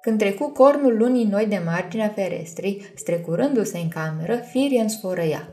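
A woman narrating a children's storybook chapter in a calm, measured way. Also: mid-range voice. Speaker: audiobook narrator. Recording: soft music underneath.

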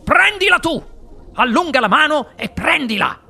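Man doing an eccentric chocolate boss, excitable, bossy, shouting, lively swooping pitch, bright tone. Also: takes it slowly, full character voice. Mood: excited. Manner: loud, commanding, theatrical exclamations. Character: wildly excited eccentric male chocolate-factory owner. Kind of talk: audiobook character reading.

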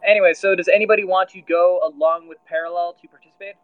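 A man's voice: high voice, fairly even intonation, fast, clear, resonant tone. A man running a tabletop role-playing game as game master, narrating casually with many fillers. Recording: dull lo-fi sound with faint music.

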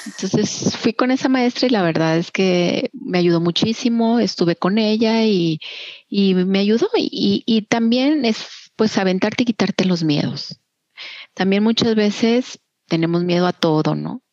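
A woman's voice: medium pitch, measured pace, darkish tone, dry recording, dull audio. A middle-aged woman with a Mexican accent, talking candidly and encouragingly as an interview guest. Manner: candid, encouraging, many fillers. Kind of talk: casual interview.

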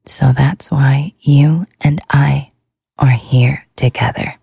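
Slow, soft-whispering woman, breathy and dark. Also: extremely low pitch, steady tone, no room sound, clean studio sound. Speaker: sleep podcast host. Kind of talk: whispered ASMR sleep talk.

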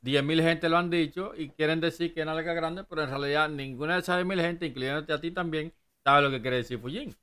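A man's voice: a little high, fairly even intonation, brisk, pushed and bright, clean tone. A man with a Dominican accent, co-hosting a casual podcast and arguing his point at length. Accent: Dominican Spanish. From Dominican Republic. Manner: argumentative, explains at length. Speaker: podcast co-host. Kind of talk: casual chat.

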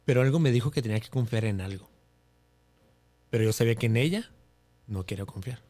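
A young man with a Mexican accent tells a personal story on a podcast. He talks in a lively way and acts out, with his own voice, the dialogue he remembers. His voice sits at a medium pitch. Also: a little fast. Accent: Mexican Spanish. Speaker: podcast guest, influencer.

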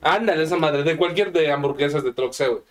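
Foul-mouthed Mexican guy, slightly high voice. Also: fast talker. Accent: Mexican Spanish. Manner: swears constantly, says "güey" nearly every line. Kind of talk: crude casual chat.

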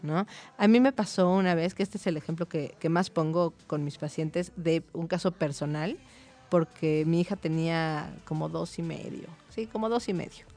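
A woman in her thirties or forties with a Mexican accent, a psychologist, telling a personal anecdote in lively conversation. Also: low voice, normal speed, soft background music. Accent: Mexican Spanish. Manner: animated, tells anecdotes with quoted dialogue. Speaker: psychologist, guest or co-host. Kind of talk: casual conversational storytelling.

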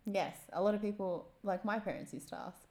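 A woman's voice: mid-range voice, steady tone, fairly quick, darkish tone, slight background noise. A woman in her thirties, an upbeat, teasing co-host chatting casually on a podcast. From Australia.

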